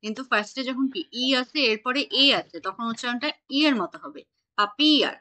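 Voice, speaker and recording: A woman's voice: a little high, brisk, bright, forceful tone. A woman teaching an online German class, patiently quizzing her students on pronunciation over a video call.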